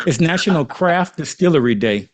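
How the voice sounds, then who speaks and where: A man's voice: a little high, expressive, normal speed. A man with an Arkansas accent, chatting casually as the host of a panel talk.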